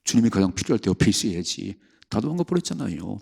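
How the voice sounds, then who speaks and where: A man pastor preaching a sermon at a church, emphatic, with sudden high exclamations. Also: very animated, fast talker, creaky, a little mellow, breathy edge. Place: church sanctuary.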